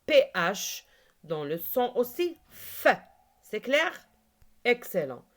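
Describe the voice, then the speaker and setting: A woman teaching a reading lesson, saying each word slowly and clearly and asking learners to repeat after her. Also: a little high, very animated. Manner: slow, clearly articulated, repeats words for learners to echo.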